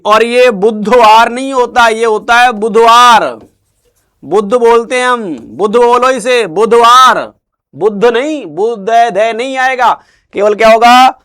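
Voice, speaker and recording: A man teaching Hindi spelling, who drills each word by asking questions and answers them himself in slow, drawn-out tones. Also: high voice, a bit bright, smooth. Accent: Rajasthani Hindi. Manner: drills words with repeated questions, stretches out answers slowly. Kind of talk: spelling lesson.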